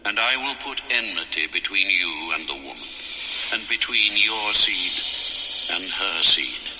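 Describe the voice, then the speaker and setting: A man's voice: sits low, expressive, background noise. A man playing God as a stern, commanding deity in a dramatized audio scripture, speaking solemnly and weightily. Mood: grave condemnation. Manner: solemn, slow, weighty pronouncements.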